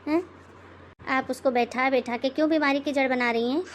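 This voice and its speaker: A woman voicing an outspoken elder daughter-in-law in an animated moral story, lecturing and sarcastic. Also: sits high, normal speed, a little hiss or hum, natural voice.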